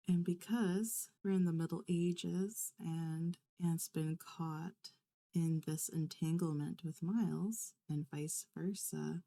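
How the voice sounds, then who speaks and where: A woman's voice: low voice, warm tone. A woman giving let's play commentary on a life-simulation game, telling its story with dramatic exasperation.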